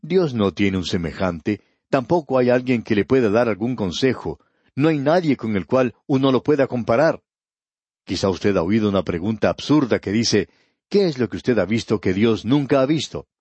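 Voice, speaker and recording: A man giving a radio Bible teaching, reading scripture slowly and deliberately and speaking straight to the listener. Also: mid-range voice, expressive, darkish tone, slightly rough, no room sound, lo-fi sound. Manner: addresses the listener directly.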